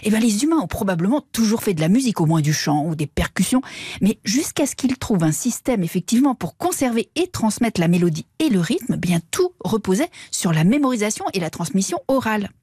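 A woman's voice: mid-range voice, big pitch swings, a little fast, dark tone, breathy edge, no echo. A woman explaining word origins as a radio language columnist in a studio, in a playful, self-mocking way. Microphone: studio microphone.

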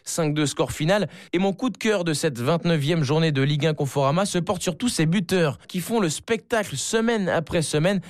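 A man's voice: on the high side, moderate pace, few pauses, dry recording. A male sports journalist reading a scripted football report with punchy phrasing.

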